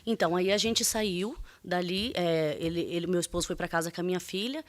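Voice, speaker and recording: A woman testifying as a defendant in court, speaking in a halting, earnest way with many fillers and restarts. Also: on the low side.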